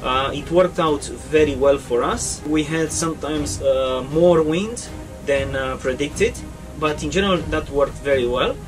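Man, 30s, higher pitch, chatty, fillers, music bed. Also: a little slow, far from the mic. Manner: fluent, upbeat, many uh fillers. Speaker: interviewed sailor. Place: inside a boat saloon.

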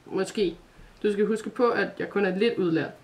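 A woman's voice: medium pitch, close to an everyday voice. A woman voicing a shy young male dream spirit in a storybook reading, hesitant and apologetic. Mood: earnest.

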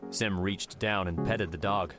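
Male narrator for an audiobook, steady delivery, lowish voice, music underneath. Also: a little slow. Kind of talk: scripted narration.

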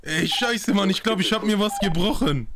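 A man in his thirties role-playing in a video game, urgent and excitable, often repeating his words. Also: high-pitched, moderate pace, crowd noise. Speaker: streamer playing a crime role-play game. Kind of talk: improvised in-game role-play. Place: indoor streaming room. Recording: faint game noise.

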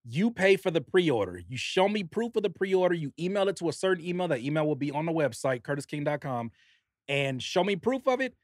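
A man's voice: fairly high pitch, very animated, fairly quick, no room sound, clean studio sound. A man, a rapper and producer guesting on a podcast, earnestly and animatedly explaining his album pre-order bundle. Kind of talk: casual podcast chat.

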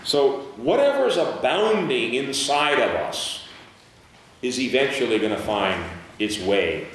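A male pastor preaching a sermon, reading scripture slowly and asking the congregation to call out words. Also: mid-range voice, very animated, fairly bright tone. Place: church sanctuary. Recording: very echoey church hall, mic far off.

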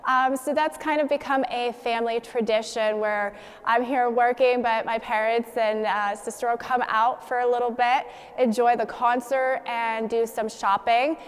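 A woman's voice: on the high side, steady tone, normal speed, clear, resonant tone. A young woman, a business manager, giving a chatty holiday greeting with some fillers in a large indoor hall on a lapel mic. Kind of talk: casual holiday greeting to camera. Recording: reverberant hall.

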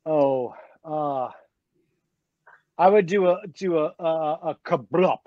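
Male author, conversational, halting delivery; higher pitch, dry muffled sound. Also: warm tone, no room sound. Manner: chatty, halting with many restarts and laughs. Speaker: graphic novel author. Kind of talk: casual conversation.

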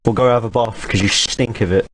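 A man's voice: fairly low pitch, fairly even intonation, fairly quick. A man mocking crudely in game voice chat. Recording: noisy voice chat.

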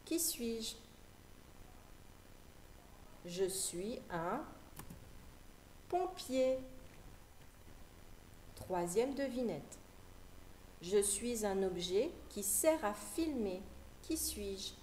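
A woman teaching a phonics lesson to young children, repeating each word slowly and articulating carefully. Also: mid-range voice, animated, darkish tone, a little hiss or hum. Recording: echoey room with faint ambience.

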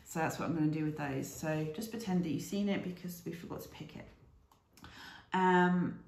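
A woman's voice: low voice, normal speed, creaky, darkish tone, echoey room, slight background noise. A British woman in her thirties, chatting casually to camera in a rambling, aside-filled way as a reseller vlogger. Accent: British English.

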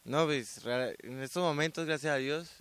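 A sixteen-year-old young man from Colombia, a weightlifter answering interview questions outdoors into a handheld mic, soft-spoken and modest. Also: on the high side, normal speed, clean tone. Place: outdoors by a sports ground. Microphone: handheld reporter mic.

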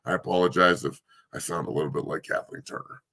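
A man's voice: sits low, steady tone, fast talker, gravelly, pushed and bright. A man hosting a sports talk show, breaking down football schemes in a blunt, profane, coach-like way while losing his voice.

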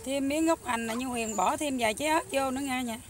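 A young woman with a Southern Vietnamese Mekong Delta accent, chatting loudly and eagerly to viewers while she cooks in a rural hut kitchen. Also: high voice, quick pace. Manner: loud, chatty, enthusiastic, talks over noisy kids. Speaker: cooking vlogger. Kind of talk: casual cooking vlog chat.

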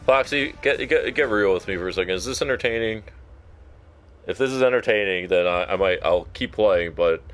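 A man's voice: deep voice, brisk, a bit bright. A man streaming a game live, chatting to a viewer in a nervous, profane, casual way. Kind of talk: casual live gameplay commentary.

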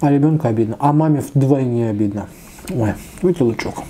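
This mukbang host, a man in his thirties, chats a little fast in a mellow, mid-range voice while eating. Seated at a table in a small indoor space, he talks between bites with food in his mouth. Slight background noise is present.

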